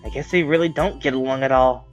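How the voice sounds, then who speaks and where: A man's voice: medium pitch, steady tone, quick pace, highs cut off, soft background music. A man reading a visual novel aloud as a streamer, casual and conversational, cursing at his slips and rereading lines.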